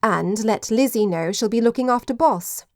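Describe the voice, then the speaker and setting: A woman voicing a spirited, genteel lady detective who speaks briskly. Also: on the high side, dry recording, clean studio sound, lightly acted.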